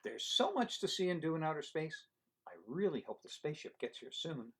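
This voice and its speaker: A man reading a picture book aloud as an eager young boy who dreams of outer space, in a wide-eyed, excited storybook voice. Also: on the high side, fairly quick, husky, voice pushed up.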